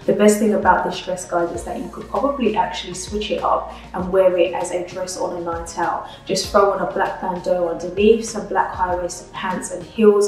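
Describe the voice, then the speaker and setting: A fashion vlogger with a lowish, darkish voice reviews clothes in an upbeat, chatty try-on haul, often calling her viewers "guys." She's recorded at home with a roomy echo and the mic at a distance.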